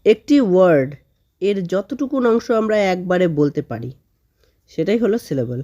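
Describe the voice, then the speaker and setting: Woman, children's grammar teacher, splits words into slow syllables, asks "okay?" often. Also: lowish voice, very animated, mellow, highs cut off. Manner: frequent "okay?" check-ins with students.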